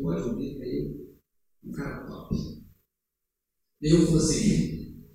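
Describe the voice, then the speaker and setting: A high-voiced man preaches an animated sermon, urging loudly one moment and dropping into low asides the next. He sounds distant from the mic, and the church around him rings with heavy echo. Faint room noise sits under his voice. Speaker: pastor. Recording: echoey church hall, heard from afar.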